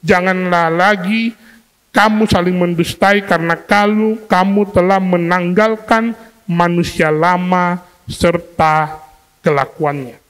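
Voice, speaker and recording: A man preaching a sermon to a congregation, lively and questioning, acting out everyday scenes to make his point. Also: high voice, takes it slowly, smooth. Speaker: pastor. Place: church hall. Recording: long hall reverb from a church.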